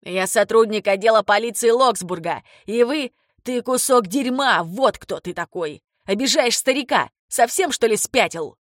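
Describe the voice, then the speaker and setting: A woman's voice: fairly high pitch, normal speed, few pauses, no room sound, clean studio sound, lightly acted. A woman voicing a stern male police officer, barking commands in an audiobook. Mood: commanding. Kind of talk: audiobook character voice.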